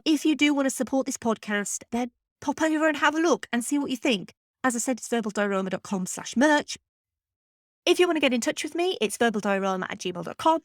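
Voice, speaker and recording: A woman's voice: on the high side, no room sound, studio quality. A woman hosting her own podcast, chatting casually and upbeat with listeners and laughing easily. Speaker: podcast host.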